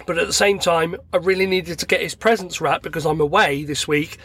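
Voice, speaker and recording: Croaky tired middle-aged bloke. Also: male voice, on the high side, a little fast, a bit bright. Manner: rambling, chatty, acts out everyday dialogue. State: croaky, recovering from illness. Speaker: podcast host. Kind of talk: casual solo podcast monologue. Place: parked car at a motorway services.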